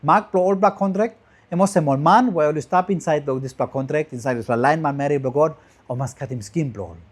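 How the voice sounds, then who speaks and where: A man with a Papua New Guinean accent teaches from the Bible as a preacher in pidgin, in short repeated phrases that rise with emphasis and then trail off softly. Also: brisk, husky. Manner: emphatic rises trailing off into lower, softer phrase endings.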